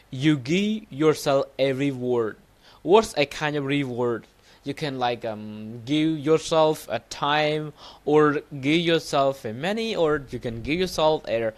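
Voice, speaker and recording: His voice on the high side and expressive, a Cambodian-accented man who teaches as a Buddhist monk hosts an informal livestream. The motivational talk and lesson come out in halting, repetitive English with non-native phrasing.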